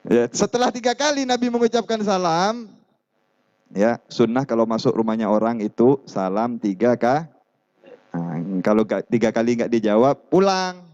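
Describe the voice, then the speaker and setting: A man preaching a sermon, telling stories in an animated way and shifting between voices, on a dull lo-fi recording. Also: mid-range voice, normal speed. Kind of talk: sermon storytelling.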